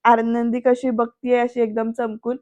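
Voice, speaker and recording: Woman, serial recap voice-over, chatty, talks to viewers, high voice, dry sound. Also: completely flat delivery, unhurried, a little mellow, no room sound, lo-fi sound. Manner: chatty, addresses the viewers directly. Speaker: serial review narrator.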